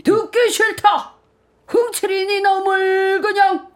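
An actor playing a greedy, pompous village elder in a radio drama, bellowing and contemptuous. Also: male voice, extremely high pitch, lively intonation, takes it slowly, heavily acted. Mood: angry.

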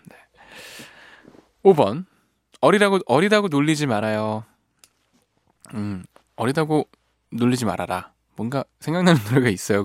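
A man's voice: medium pitch, no echo. A man hosting a radio show in a studio, reading listener messages and teasing them playfully with frequent laughs. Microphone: studio microphone.

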